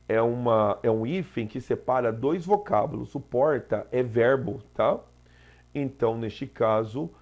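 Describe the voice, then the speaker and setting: A Brazilian teacher with a fry-edged, mid-pitched male voice works through exam questions. He explains step by step, checking in with the students often. It sounds like a plain desk-mic lesson. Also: a little mellow, highs cut off. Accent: Brazilian Portuguese.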